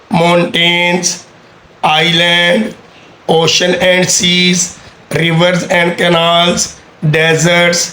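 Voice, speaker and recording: A man with a high voice teaches a grammar lesson at an unhurried pace, repeating key words patiently. His delivery stays flat and even. The room is echoey, with a faint hum behind him. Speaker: English teacher.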